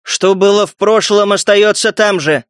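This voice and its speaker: A man's voice: high voice, normal speed, fairly bright tone, no echo, clean studio sound. A man voicing a persuasive, commanding emperor addressing a crowd in an audiobook.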